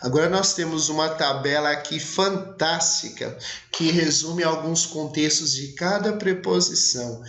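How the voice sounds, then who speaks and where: A Brazilian man teaching English, reading example sentences slowly and clearly and having the class repeat after him. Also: a little high, a bit bright, echoey room. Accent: Brazilian Portuguese. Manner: slow, over-articulated English example sentences, brisk Portuguese explanations. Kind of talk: recorded lesson.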